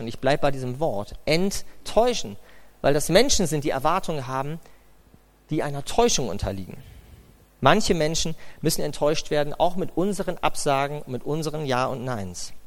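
Emphatic preacher with a raised voice. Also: male voice, on the high side. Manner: emphatic, repeats key phrases, rhetorical questions. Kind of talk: sermon.

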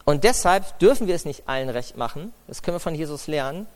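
A man's voice: on the high side, expressive, fast talker. A man preaching a sermon, emphatic, with rhetorical questions and repeated key phrases.

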